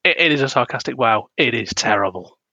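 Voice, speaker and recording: Gaming-podcast co-host, young man, bright forceful tone, dry close sound, rants and jokes. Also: mid-range voice, animated, brisk, no room sound, dull audio. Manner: ranting, self-deprecating, laughs often. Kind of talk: casual gaming podcast chat.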